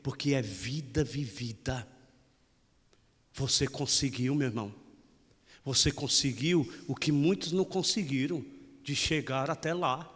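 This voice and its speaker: A man's voice: medium pitch, unhurried, a bit bright, slightly rough, big-room sound. A man in his forties with a Brazilian Portuguese accent, a parish priest giving a folksy, teasing homily. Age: 40s. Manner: folksy, teasing, keeps saying "meu irmão". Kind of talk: lively humorous homily.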